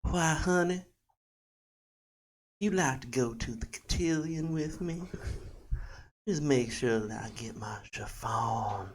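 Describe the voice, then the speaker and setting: A man voicing a flirty Southern debutante woman with a Southern accent, drawling and coquettish, drifting to a breathy hush. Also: medium pitch, slow, long pauses. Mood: coy.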